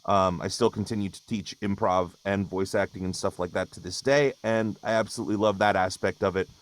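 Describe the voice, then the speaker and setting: This Hawaiian voice actor in his thirties speaks a little fast in a low register with fairly even intonation. As a webinar guest on a video call, he keeps things casual, wandering through his points with fillers and false starts.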